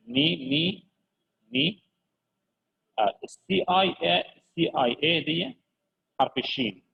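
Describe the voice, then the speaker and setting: A man leads a children's English lesson in a gravelly, slightly husky voice. He coaxes his pupils along, drawing each word out and saying it again and again. The recording sounds dull and lo-fi. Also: medium pitch. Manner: lively, coaxing, repeats words slowly for pupils. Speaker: English teacher.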